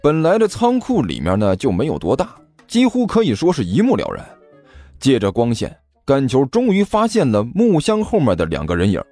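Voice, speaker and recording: A man narrating a comic audio drama in a lively storytelling manner. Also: medium pitch, normal speed, no room sound, soft background music.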